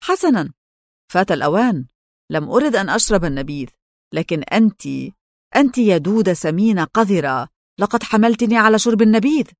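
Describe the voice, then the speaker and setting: A woman's voice: medium pitch, no echo, studio quality, lightly acted. A woman voicing a cold, cruel young woman. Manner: cutting, scornful.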